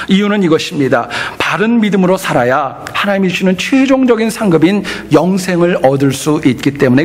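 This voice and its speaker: Lively, high-voiced male pastor preaching. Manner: earnest teaching with humorous asides. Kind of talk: sermon. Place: church.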